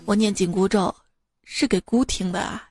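A woman voicing a calm male monk master who answers his disciples with slow, patient, deadpan teasing. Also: medium pitch, music in the background, natural voice.

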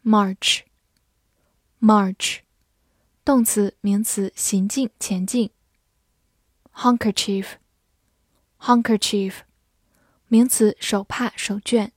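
Slow, careful woman vocabulary teacher. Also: mid-range voice, steady tone, slightly rough, dry recording, studio quality. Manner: spells words letter by letter, reads example sentences slowly. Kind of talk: slow, clear vocabulary lesson.

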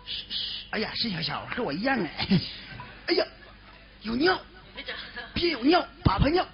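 A woman's voice: fairly high pitch, huge pitch swings, normal speed. A woman playing a brash joking brother-in-law with a Northeastern accent. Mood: teasing. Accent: Northeastern Chinese. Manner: teasing, boisterous banter. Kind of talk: errenzhuan stage comic duet. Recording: slightly dull recording with faint noise.

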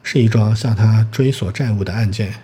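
A man reading a storybook's smug male police clerk, who explains legal procedure in a dry, official manner and a low voice. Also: normal speed, dark tone, a little hiss or hum, close to an everyday voice.

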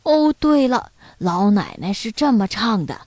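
A woman voicing a lonely, generous old grandfather who speaks gently and cheerfully in a children's story. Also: mid-range voice, sing-song, measured pace, dry recording. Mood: gentle.

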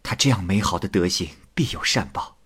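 A man voicing a modest young lady who speaks softly and slowly in a storybook retelling. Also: lowish voice, big pitch swings, husky, full character voice. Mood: admiring. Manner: soft, slow, subdued.

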